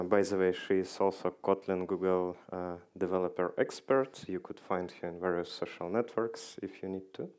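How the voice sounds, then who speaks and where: A man's voice: low voice, a little mellow. A man giving a conference talk, joking dryly and quizzing the audience. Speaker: conference speaker. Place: conference hall stage.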